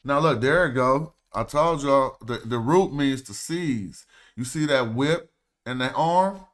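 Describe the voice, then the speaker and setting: A man's voice: medium pitch, unhurried, fairly bright tone. A man hosting a casual livestream, talking loosely and thinking aloud as he walks through ancient Egyptian words. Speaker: host. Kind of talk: casual livestream walkthrough of hieroglyph texts.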